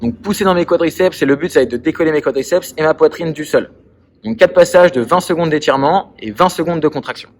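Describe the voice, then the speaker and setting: A man calmly explaining and demonstrating home workout exercises step by step as a coach. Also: a little high, fast talker, slight background noise. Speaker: CrossFit coach. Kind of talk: workout instruction.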